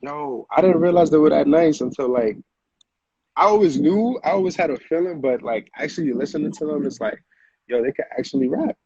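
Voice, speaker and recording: A music producer from Honduras, who moved to the Bronx at eight, talks casually as an interview guest. His fairly high, mellow voice moves at a fairly quick pace, and his phrasing is slangy and repetitive on a dull lo-fi recording.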